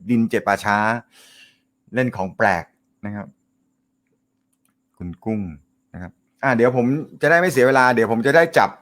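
A man with a loud, carrying voice runs a casual live show. He jokes, laughs often and chats his way through viewer comments. His pitch sits in an ordinary middle range. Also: lively intonation, moderate pace, pauses often. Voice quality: naturally loud voice. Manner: joking, laughs often, chatty. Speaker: host of a snooker live show.

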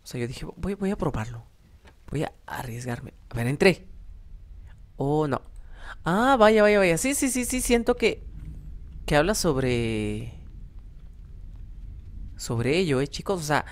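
Thinking aloud and rambling, a young adult gaming YouTuber with a Mexican accent hosts casual, self-deprecating gameplay commentary with music behind him. His voice runs on the high side and is very animated, yet he speaks slowly with long pauses.

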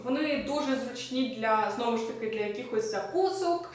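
Woman vlogger, chatty and enthusiastic, slightly high voice, heavy room echo, mic set back. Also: expressive, brisk. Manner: chatty and enthusiastic, many filler sounds. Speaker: lifestyle vlogger. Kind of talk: casual show-and-tell chat. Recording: echoey room, mic at a distance.

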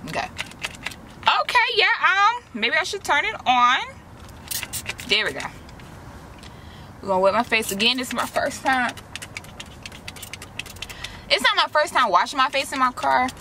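A woman's voice: on the high side, background noise. A young woman, chatting to her viewers in a slangy, direct way while doing a face mask inside a parked car, recorded on a camera close in front of her. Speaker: vlogger.

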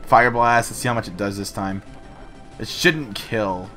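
A man's voice: on the low side, measured pace, pushed and bright, soft background music. A man giving casual, profane, jokey commentary while playing a co-op game. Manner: profane, jokey, laughs often. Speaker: co-op let's play host.

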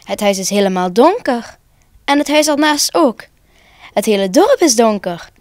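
A woman's voice: a little high, expressive, normal speed, darkish tone, no room sound, natural voice. The little Santa of a Christmas storybook, small and eager but plaintive, as a woman reads him. His lines rise above her normal reading voice. The recording is dry. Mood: puzzled.

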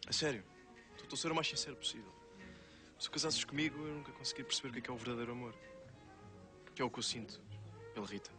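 An actor plays a young man in a soap drama, sincere and confessional. He has a European Portuguese accent and a mid-range pitch. He talks quickly, with music behind him. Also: lightly acted. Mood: earnest, remorseful. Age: young adult. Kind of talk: television soap drama acting.

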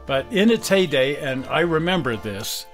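A Utah man in his sixties hosts a video, chatting casually and nostalgically and laughing easily, filmed indoors on a camera. His voice sits a little high and is very animated at a moderate pace, with soft music in the background.

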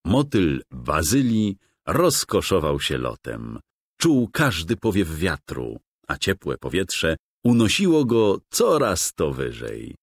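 A man narrating a children's game story in a calm, gentle storytelling manner, recorded as a dry close studio voice-over. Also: sits low, slow pace, breathy edge, no echo.

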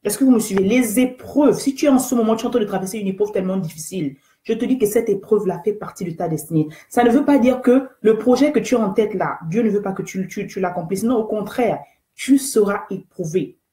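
A woman's voice: medium pitch, quick pace, mellow, roomy sound. A woman hosting a live faith talk, earnest and exhortative, repeating key phrases and greeting viewers by name. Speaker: host of an online faith talk show.

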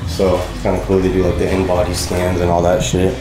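A man's voice: sits low, monotone, fast talker, echoey room, background noise. A man in his thirties vlogging at a gym in a laid-back, slangy way with plenty of swearing. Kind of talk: casual gym vlog chat. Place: large gym indoors. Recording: loud music behind.

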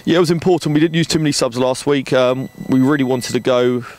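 A man's voice: medium pitch, fairly even intonation, a crowd in the background. Frank man talking after a match. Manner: measured, frank, with many ums and restarts. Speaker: rugby director. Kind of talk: post-match interview. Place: outdoors at a floodlit rugby ground at night. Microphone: handheld interview mic.

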